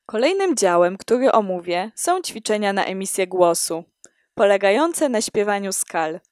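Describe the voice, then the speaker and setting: A woman reading a scripted walkthrough of an app in a steady, explanatory way. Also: mid-range voice, moderate pace, dry recording, studio quality. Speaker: student presenting an app.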